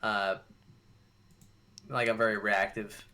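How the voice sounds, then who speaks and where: A man's voice: on the low side, flat delivery, slow, a crowd in the background. A young man co-hosting a casual podcast, talking in a hesitant, laid-back way with lots of fillers and swearing. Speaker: podcast co-host. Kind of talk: casual chat.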